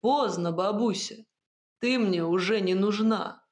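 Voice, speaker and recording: A woman voicing a mocking male sorcerer villain who speaks slowly and with a sneer in an audiobook. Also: medium pitch, darkish tone, lightly acted.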